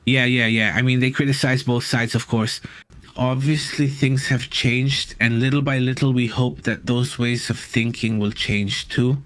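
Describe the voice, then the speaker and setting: A man co-hosting a casual live stream in a dry, close sound. He rambles through loose thoughts, leans on fillers and reads out viewer comments. His pitch sits right in the middle for a man. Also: steady tone, a little slow, a bit bright, clean tone, dry recording. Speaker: co-host of a live news stream.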